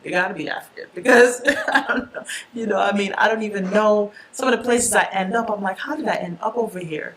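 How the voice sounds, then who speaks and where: A woman of Jamaican roots, a poet and writer, talking in a relaxed, chatty way in an interview, laughing often and restarting her sentences. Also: mid-range voice, fast talker, rough recording. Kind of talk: relaxed interview talk with a poetry reading.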